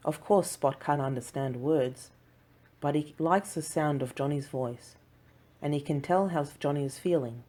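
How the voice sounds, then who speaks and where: A woman reads a children's storybook aloud in a low voice. She moves slowly and clearly, giving each sentence room. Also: warm tone. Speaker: audiobook narrator.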